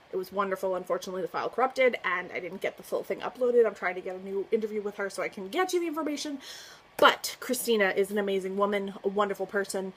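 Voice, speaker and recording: An American booktuber talks casually to camera in a book tag vlog, chatty and earnest, often trailing off and restarting. Her voice sits in the mid range, and the audio is poor, with a little hiss or hum.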